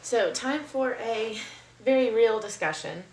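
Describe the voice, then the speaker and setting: A woman's voice: fairly high pitch, lively intonation, unhurried, a little mellow, slightly rough, low-quality recording. A young adult woman talking casually and candidly, like a vlogger chatting informally to her viewers. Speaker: vlogger, bride-to-be. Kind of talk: casual confessional vlog chat.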